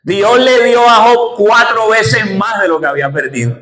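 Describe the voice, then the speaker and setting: A man's voice: high voice, normal speed, a bit bright. A male pastor preaching a sermon in a church and calling on the congregation to repeat his words after him. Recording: echoey church room.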